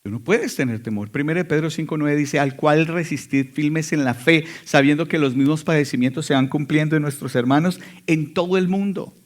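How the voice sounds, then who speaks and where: Emphatic male pastor, slightly high voice. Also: fairly quick, few pauses. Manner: emphatic preaching with sudden loud and quiet passages. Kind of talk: sermon.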